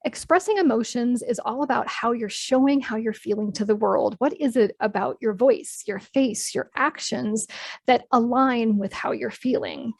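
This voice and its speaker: A woman's voice: a little high, normal speed, gravelly, a little mellow, breathy edge, no room sound. A woman presenting an online training workshop, explaining ideas in a candid, personal way. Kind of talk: live online training talk.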